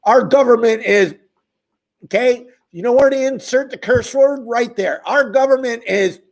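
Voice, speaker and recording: Speaking at normal speed, this man has an extremely high-pitched voice. He's a homeless advocate with his own channel, and he rants passionately and emphatically while addressing viewers directly on camera.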